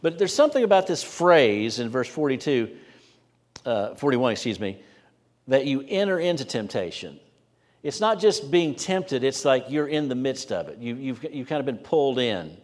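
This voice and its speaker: A man preaching a sermon as pastor, earnest and plain-spoken, often dropping to a hushed voice for emphasis. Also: medium pitch, big pitch swings, normal speed. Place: church sanctuary. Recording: preached in a reverberant church sanctuary.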